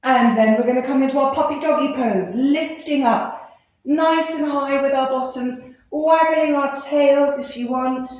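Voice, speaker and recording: Woman, kids yoga teacher, encouraging, fairly high voice, strong room echo. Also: fairly even intonation, unhurried. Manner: gentle, encouraging, playful instructions. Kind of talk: guiding a children's yoga class. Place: live class in an indoor room. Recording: very echoey room.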